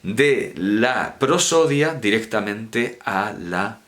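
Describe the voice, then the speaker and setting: A fairly low-voiced man lectures on grammar in a loose, chatty way. His pitch swings widely as he stresses words, doubles back to correct himself and repeats key terms. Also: animated, extremely slow, fairly bright tone. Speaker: university lecturer. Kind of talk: informal university lecture.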